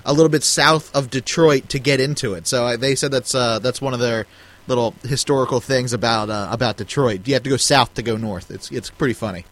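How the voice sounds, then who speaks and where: A man speaking quickly in a casual sports chat, easygoing and a little teasing. His pitch sits in the middle range. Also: fairly even intonation. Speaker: podcast co-host.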